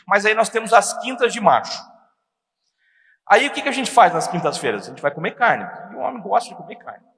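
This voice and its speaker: A man's voice: high voice, fairly quick, vocal fry. A middle-aged Brazilian man preaching a sermon, telling stories with acted-out dialogue. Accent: Brazilian Portuguese. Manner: animated storytelling, acting out dialogue. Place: church hall. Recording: long church hall reverb.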